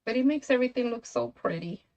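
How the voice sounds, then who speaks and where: A woman's voice: fairly high pitch, animated, fast, vocal fry, a little mellow, dull audio. A woman hosting a craft tutorial, chatting casually with viewers by name and laughing often. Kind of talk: casual livestream crafting chat.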